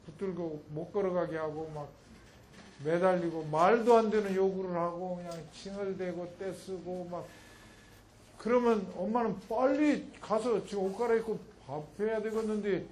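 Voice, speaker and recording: A man giving a public lecture in an animated way, acting out a mother and child when he quotes them. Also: sits high, slight background noise, rough recording.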